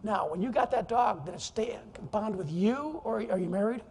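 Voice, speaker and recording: Male keynote speaker, high and husky voice, jokey and animated, echoing conference hall. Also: moderate pace. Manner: animated, jokey, teases the audience. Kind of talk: energetic, humorous business presentation. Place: large conference hall, live audience.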